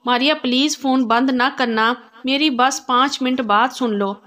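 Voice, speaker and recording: Woman voicing a gentle, pleading young man. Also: high voice, steady tone. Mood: sad pleading. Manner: soft and pleading.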